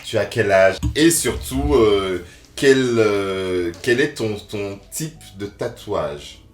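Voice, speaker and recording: A man's voice: lowish voice, lively intonation, slow, reverberant, faint music behind. A male co-host chatting playfully and teasing his guest. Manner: playful, teasing, bursts into song. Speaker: podcast co-host. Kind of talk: casual interview chat.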